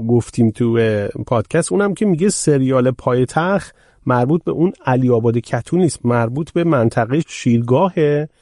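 A man hosting a podcast, reading out listener questions and adding lively asides of his own. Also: medium pitch, no echo, studio quality. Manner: curious, reads out listener questions, animated asides. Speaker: podcast host. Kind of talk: podcast conversation.

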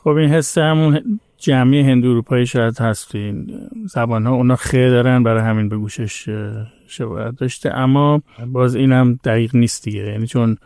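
A man speaking as a guest on a casual podcast, explaining history in a measured way and often qualifying his claims. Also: mid-range voice, steady tone, darkish tone, no echo, clean studio sound. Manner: measured, explanatory, hedges and corrects himself.

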